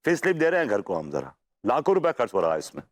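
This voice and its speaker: An actor in a TV sitcom playing a man who bluffs and scolds with animated talk. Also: medium pitch, fast talker, background noise. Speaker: sitcom character. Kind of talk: TV sitcom acting.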